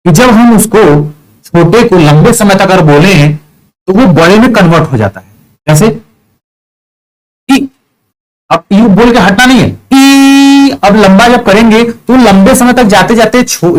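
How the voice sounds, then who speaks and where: A man's voice: high voice, animated, moderate pace, low-quality recording. A male teacher with an eastern Uttar Pradesh Hindi accent, giving a classroom grammar lesson, explaining step by step, asking questions and answering them himself, and drawing out vowel sounds as examples.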